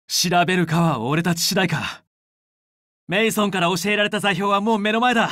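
Video game hero, determined young fox pilot: high male voice, commanding, earnest, dry recording. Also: sharp tone, dry recording. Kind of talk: Japanese video game voice acting, battle callouts.

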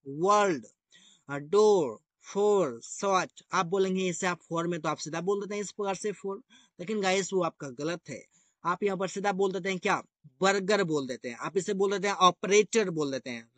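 A man's voice: sits high, sharp tone, no room sound. A man teaching English grammar rules in a repetitive, explanatory way, often calling his viewers guys.

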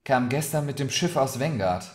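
Guy reading a smooth young trader guy, chatty and coaxing, roomy echo. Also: medium pitch, lively intonation, normal speed, voice pushed up, close to an everyday voice. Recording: roomy echoey recording.

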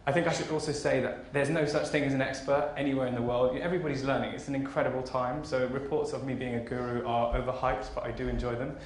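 Speaking fast and hardly pausing, a thirty-year-old man uses a mid-range, level voice for a conversational, enthusiastic, informal keynote. He's a fashion marketing executive on a large conference stage, recorded with roomy hall echo and faint noise behind him.

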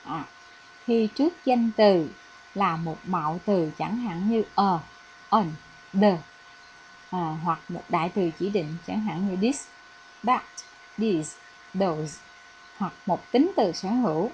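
A woman's voice: medium pitch, a little mellow, highs cut off, slight background noise. A woman from Vietnam, an English teacher, explaining a lesson patiently with frequent fillers. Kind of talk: recorded classroom lesson.

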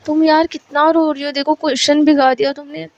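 A woman's voice: high-pitched, flat delivery, normal speed, dull audio, voice pushed up. A woman voicing a doting, teasing young woman who pleads and coaxes her lover in a storybook romance. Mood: coaxing. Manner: coaxing, pleading, playful.

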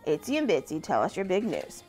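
A woman voicing a calm, kindly mother horse who speaks softly and gently. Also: fairly low pitch, fairly quick, faint music behind. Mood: gentle.

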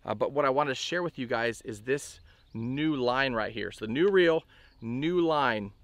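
A man in his thirties giving a relaxed, chatty fishing gear review to camera outdoors by a lake, with a lot of fillers. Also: mid-range voice, moderate pace, no echo. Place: outdoors on a bass boat by a lake.

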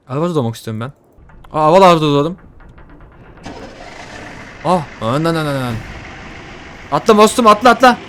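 A man giving casual, excitable commentary while playing a shooter game, joking and swearing at what happens. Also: a little high, a little hiss or hum. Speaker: gaming YouTuber. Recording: faint gunfire behind. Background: faint game gunfire and explosions.

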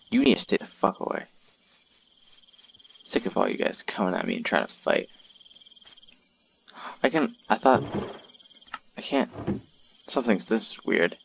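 A young man hosting a gaming channel, giving let's-play commentary in a jumpy, excitable way, yelping and trash-talking the monster. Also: lowish voice, creaky, slight background noise. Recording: loud game sounds with crickets behind.

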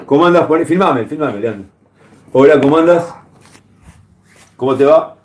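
Argentine guy yelling at callers on his stream, high pitched, keeps repeating himself. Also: lively intonation, moderate pace. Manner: insulting, repetitive, badgering shouts. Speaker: streamer taking calls. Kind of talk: heated live-stream call-in.

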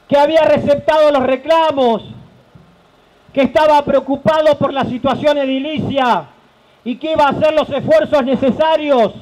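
On an outdoor stage under a tent at a rally, a union leader in his forties with an Argentine Spanish accent gives an impassioned protest speech into a handheld mic, shouting at times and gesturing. His voice is very high-pitched, and the recording is rough.

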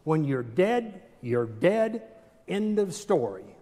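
An older man preaching a sermon from a pulpit in a large stone church, measured and deliberate with dramatic pauses. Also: a little high, very animated, mellow. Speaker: pastor. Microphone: pulpit microphone, far camera. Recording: long church reverb.

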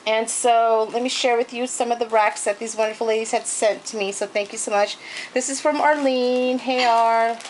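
A woman's voice: fairly high pitch, steady tone, moderate pace, slight background noise, low-quality recording. A woman craft vlogger showing off gifts in a casual show-and-tell, gushing and thanking people over and over. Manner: gushing, repeats thanks and praise.

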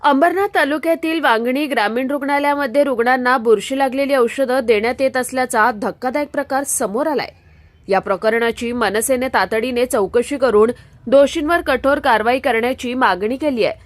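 A woman narrates a regional news report in a high voice with formal, measured delivery. The recording is close and dry, with no room sound. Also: no echo.

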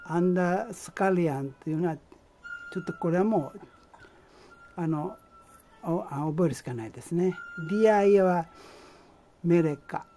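Man, amateur teacher, mellow tone, halting and patient, faint music behind. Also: high-pitched, expressive. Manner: patient, halting explanation with many fillers. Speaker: language teacher. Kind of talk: amateur language lesson.

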